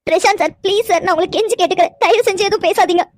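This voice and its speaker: A woman's voice: very high-pitched, racing. A woman voicing a young cartoon woman who is hurt and angry with her lover, pressing him with accusing questions. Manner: accusing, tearful, insistent questions. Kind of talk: cartoon voice acting.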